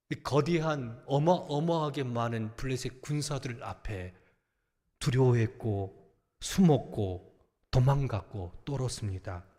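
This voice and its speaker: A middle-aged man preaching a sermon in a big church sanctuary, his voice trailing off into a long reverb. He swings from loud, emphatic exhortation down to hushed, almost whispered lines, at an ordinary middle pitch for a man. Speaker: senior pastor.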